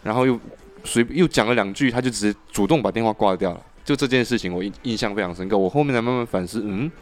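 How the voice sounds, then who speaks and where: A man hosting a podcast, telling a story in an animated, casual way with frequent restarts. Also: on the low side, fast. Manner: animated, laughs and restarts often. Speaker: podcast host.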